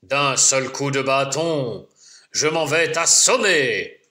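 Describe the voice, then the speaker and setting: A man's voice: medium pitch, takes it slowly, bright, forceful tone. A man voicing a big, vengeful male woodcutter in a children's tale, swearing oaths and growling threats. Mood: grumbling threats.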